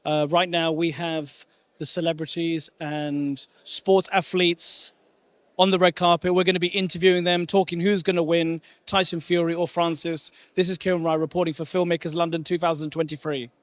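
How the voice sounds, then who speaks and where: An eager male reporter with a high voice works a red carpet, asking questions and dropping in quick affirmations. His voice is recorded close and dry. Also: flat delivery, no room sound. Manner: eager, with frequent short affirmations. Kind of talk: interviewing.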